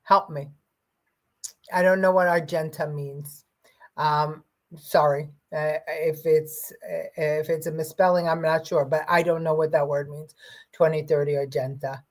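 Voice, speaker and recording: An American woman with a slightly low voice gives casual political commentary as a livestream host. She thinks aloud, halting and then drawing out words for emphasis. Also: steady tone.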